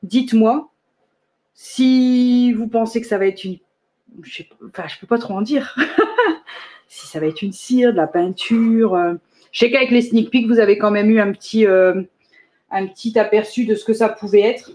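A woman's voice: a little high, normal speed, warm tone. Chatty woman from France hosting a casual live demo, laughs often, corrects herself. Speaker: host of a live product demo. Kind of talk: casual live stream chat.

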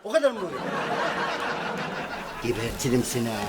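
An actor playing a hot-tempered middle-aged husband who shouts blustering threats in coarse slang. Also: male voice, medium pitch, huge pitch swings, fairly quick, over a noisy crowd, very noisy. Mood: furious. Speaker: sitcom actor. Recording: studio audience laughter behind.

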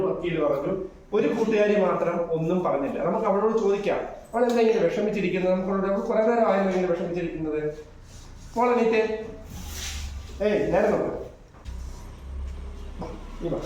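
A man playing a kind, earnest schoolteacher who coaxes his pupils gently and then lectures them on right and wrong, recorded from a distance in a very echoey room. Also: high-pitched, slight background noise, close to an everyday voice. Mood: coaxing questions. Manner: gentle, coaxing, moralizing. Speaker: teacher. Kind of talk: amateur short-film acting. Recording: echoey room, mic far off.

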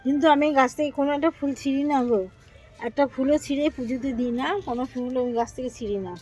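A woman vlogging in her home garden speaks fast in a high, darkish voice with fairly even intonation, captured on a rough recording. Hosting her own page, she chats effusively to viewers, showing them things and frequently repeating herself.

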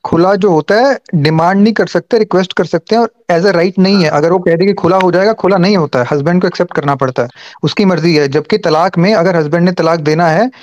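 A man's voice: high voice, fast, a little mellow, no echo, lo-fi sound. Insistent man arguing in a debate. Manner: insistent, interrupts, argues point by point. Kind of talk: heated online debate.

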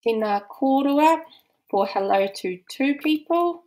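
A woman with a New Zealand accent leads a recorded course lesson. Her voice sits a little high, and she explains patiently, one point at a time. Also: lively intonation, slow, a little mellow. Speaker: language teacher.

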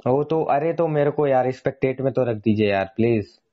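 A man's voice: mid-range voice, normal speed, highs cut off. A man hosting a gaming channel, chatting casually and pleading persistently over in-game voice chat.

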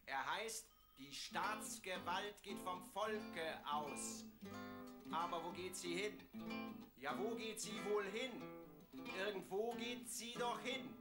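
An actor playing an engineer who sings a mocking, singsong ballad to a guitar in a TV drama. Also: male voice, mid-range voice. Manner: mocking, singsong, slow and drawn out.

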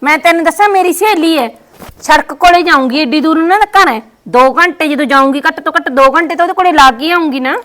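A woman's voice: high-pitched, fast, fairly bright tone. A woman with a Punjabi accent playing a bossy, scheming young daughter-in-law who orders her mother-in-law around. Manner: commanding, scolding. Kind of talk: scripted family skit.

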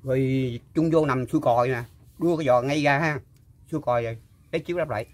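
Older man, halting. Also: medium pitch. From Mekong Delta, Vietnam. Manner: halting, full of fillers and repeats. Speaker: guest storyteller. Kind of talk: casual spoken recollection.

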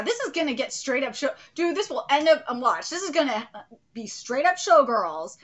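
A woman's voice: high-pitched, fairly bright tone. A woman in her thirties giving theatrical, slangy, profanity-laced reaction commentary at home. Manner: brash, theatrical, slangy, profane, often breaking into laughter. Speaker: live reaction video host. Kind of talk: animated reaction commentary with read-aloud manga dialogue. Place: small room at home, indoors.

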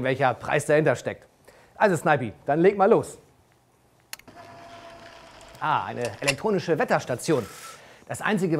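A middle-aged man hosting a prize draw as a jovial, upbeat giveaway announcer, chatty and scripted. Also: fairly high pitch. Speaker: host of a company prize draw.

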